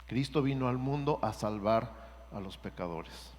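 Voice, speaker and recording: A man's voice: medium pitch, animated, a little slow, a little mellow. A man preaching a sermon as pastor and leading a prayer for the congregation to repeat. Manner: earnest, leads a repeat-after-me prayer. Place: church sanctuary. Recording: church hall reverb with music underneath.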